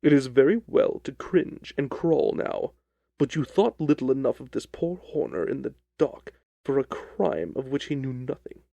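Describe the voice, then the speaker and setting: A stern gentleman detective, read by a male narrator, commanding and deliberate. The voice is mellow with some gravel, accusing in tone, in a dry storybook recording. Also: medium pitch, lively intonation, no echo. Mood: stern rebuke.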